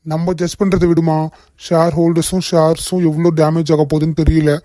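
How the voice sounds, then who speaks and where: A man voicing a grumpy older father-in-law in a cartoon, gruff and complaining. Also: on the high side, flat delivery, fairly quick, dark tone, dry recording, studio quality, lightly acted. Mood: grumbling. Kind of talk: cartoon voice acting.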